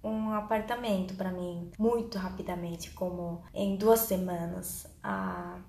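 A woman's voice: on the low side, fairly even intonation, takes it slowly, vocal fry, warm tone. A young woman from South Korea with a Korean accent tells her story casually to camera, choosing simple, careful phrases in a second language. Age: young adult. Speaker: vlogger. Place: small bare indoor room. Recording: roomy echo, faint background noise.

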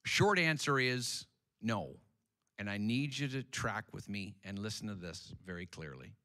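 Bright, slow-preaching male pastor. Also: fairly low pitch, animated. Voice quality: emphatic, repetitive, call-and-response. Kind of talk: sermon. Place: church sanctuary.

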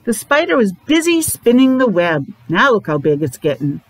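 A preschool or elementary teacher, a middle-aged or older woman, reads a story to young children in a classroom indoors, slightly muffled by her face mask. Her mid-range voice swings widely in pitch at a normal pace, captured dry. She breaks in with chatty explanations and questions.

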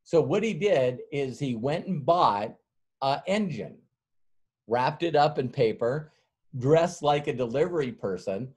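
Middle-aged male workshop speaker, mid-pitched, rambling storyteller, chuckles and fillers. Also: expressive, measured pace, a little mellow, slightly rough. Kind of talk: motivational sales workshop talk.

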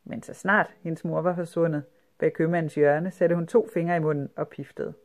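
A narrator reading a children's storybook aloud in a calm, even way. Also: mid-range voice.

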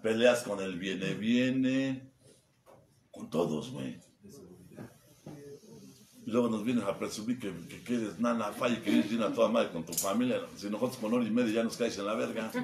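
A man's voice: lowish voice, brisk, a little mellow. Foul-mouthed Mexico City man, roomy hall. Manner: foul-mouthed, mocking, acts out quoted voices. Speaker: sponsor speaking at a recovery group meeting. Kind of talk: crude, joking testimony to a group. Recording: echoey room with background noise.

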